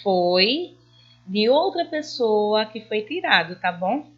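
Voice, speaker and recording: Woman, primary school teacher; unhurried, patient, stretches out her examples; slightly muffled recording. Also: mid-range voice, very animated. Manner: slow, patient, reads examples with drawn-out emphasis. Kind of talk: online lesson for children.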